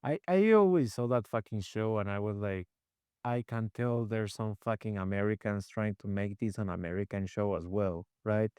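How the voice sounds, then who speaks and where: A man's voice: on the low side, moderate pace, mellow, clean tone, no room sound. A man co-hosting a casual chat, laid-back, swearing freely and calling his friend bro. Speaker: podcast co-host.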